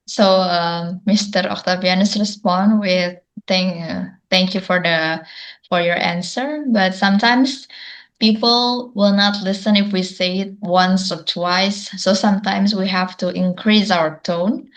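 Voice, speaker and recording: A woman interpreting in a webinar, careful and pausing often with hesitation sounds, on a video call. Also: mid-range voice.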